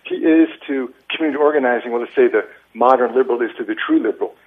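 A man calls in to a radio talk show, his voice squeezed through a thin, tinny phone line. He argues in an earnest, pointed way, at an ordinary middle pitch for a man. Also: very animated, quick pace. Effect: narrow telephone line. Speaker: caller.

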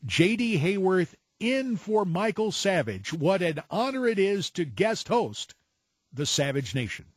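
Male talk radio host opening a show, high voice, slow formal delivery, dry studio. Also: sing-song, slightly rough, dry recording.

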